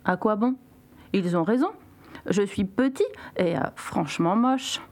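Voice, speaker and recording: A woman's voice: mid-range voice, unhurried, darkish tone, natural voice. A woman voicing a small, humble female dung beetle who speaks timidly and apologetically in a storybook. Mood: resigned.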